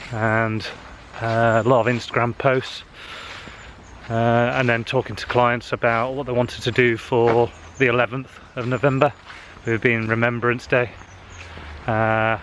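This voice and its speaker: A social media marketing vlogger chats casually to a handheld camera as he walks a wooded hill path, a little out of breath and using plenty of fillers. His voice sits at medium pitch with a fairly bright tone, and faint outdoor noise can be heard.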